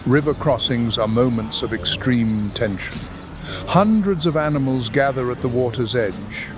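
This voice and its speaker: A man narrating a scripted nature documentary in a measured, dramatic delivery. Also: medium pitch, expressive, noisy background. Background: background music.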